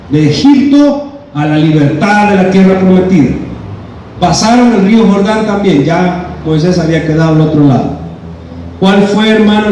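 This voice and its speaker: Male pastor preaching in an echoey church. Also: sits high. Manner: addresses listeners as "hermano", rises to loud cries when quoting. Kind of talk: expository sermon. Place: church sanctuary. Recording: very echoey church hall from far off, faint noise.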